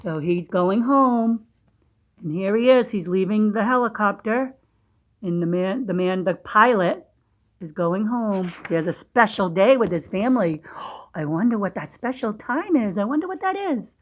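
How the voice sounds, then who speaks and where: This woman's animated, mid-range voice carries a children's storybook reading. Between passages she asks questions and offers simple explanations, much as a teacher would.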